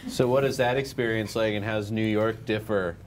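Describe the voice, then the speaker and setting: An actor playing an awkward young wannabe filmmaker who interviews guests in a deadpan, flat manner at a studio desk. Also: male voice, lowish voice, fairly quick, slight background noise, close to an everyday voice. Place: TV studio set, seated at desk.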